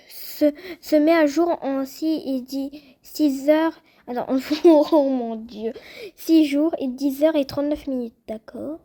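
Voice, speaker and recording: A young woman with a high, light voice chats her way through a game, talking straight to her viewers. She sounds excitable and casual, reacting to everything as she plays. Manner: chatty, excitable, addresses viewers directly. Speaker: gaming youtuber. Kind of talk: casual gameplay commentary.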